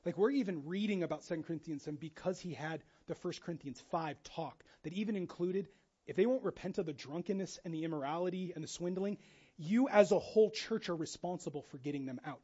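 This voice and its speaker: A man preaching a sermon as pastor, animated and jokey, acting out quoted voices with casual asides. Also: fairly high pitch, quick pace, husky, muffled recording. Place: church.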